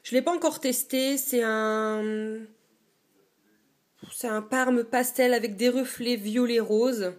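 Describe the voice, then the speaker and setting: Sitting in a dim bedroom, a young beauty vlogger does a casual, chatty show-and-tell in a slightly high voice with a steady tone. She hesitates and pauses often, filling the gaps with plenty of fillers.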